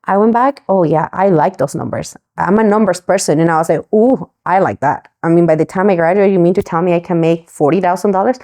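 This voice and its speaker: A woman from Mexico, a podcast guest, telling her story in a lively way and acting out the voices of the people she quotes. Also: lowish voice, fast talker, few pauses. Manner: animated, acts out quoted voices.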